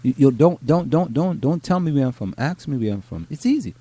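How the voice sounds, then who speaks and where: This middle-aged podcast co-host, from Trinidad and Tobago and speaking with a Trinidadian accent, reads out a news article and then moves into casual conversation, often pausing and repeating words. His voice is mid-range, dark and animated, with no room sound.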